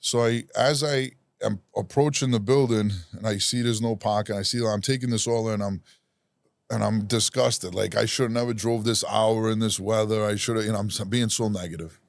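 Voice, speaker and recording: A man from Rhode Island, a podcast guest, casually telling a long personal story in an animated, self-deprecating way and acting out the voices of the people in it. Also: lowish voice, moderate pace, vocal fry, no room sound. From Rhode Island, USA.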